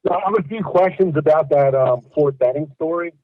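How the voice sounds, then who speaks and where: A man's voice: fairly high pitch, brisk. A middle-aged man calling in to a radio show. His voice comes over a hollow phone line that sounds like he is talking through a pipe, and he asks plain questions with short restarts. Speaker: caller. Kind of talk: call-in radio chat. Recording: tinny muffled phone line.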